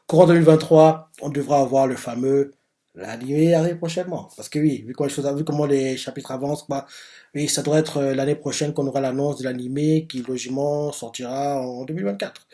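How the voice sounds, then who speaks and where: Rambling man reacting to a manga chapter. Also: fairly high pitch. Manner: rambling, animated, constant filler words. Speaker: manga reaction channel host. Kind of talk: casual live reaction, retelling a chapter.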